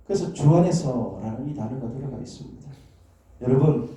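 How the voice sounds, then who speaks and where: Pastor preaching in an echoey church. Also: male voice, medium pitch, fairly quick, warm tone. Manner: call-and-response, asking questions and prompting amens. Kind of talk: sermon to a congregation with children. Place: church sanctuary. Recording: echoey church hall, distant mic.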